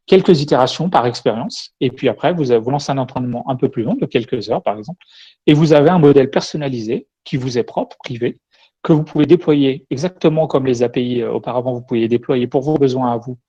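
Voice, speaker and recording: A man's voice: medium pitch, warm tone, husky, muffled recording. A man speaking at a tech conference, explaining step by step while running a live demo.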